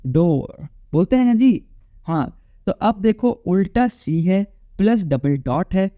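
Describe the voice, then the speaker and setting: A man's voice: high-pitched, expressive, slow pace, mellow, no room sound, lo-fi sound. A male English teacher giving a casual exam-prep phonetics lecture, repeating points and checking in with his students. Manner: casual, repetitive, checks in with "okay?".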